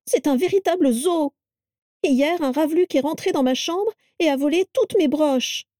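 A woman voicing a shrill, complaining young wife who is high-strung and theatrical. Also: normal speed, warm tone, no room sound, studio quality, natural voice. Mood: shrill outrage.

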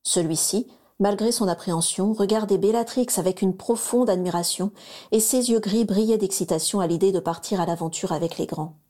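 A woman narrating a children's story aloud in a smooth, even storytelling manner. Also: medium pitch, brisk. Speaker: reader.

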